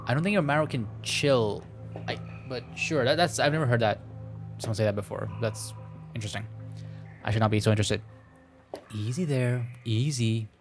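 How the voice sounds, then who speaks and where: A man with a mid-range voice hosts a gameplay video, reading a visual novel aloud at normal speed with long pauses. His commentary is playful and self-mocking, and he stumbles over the text while music plays behind him.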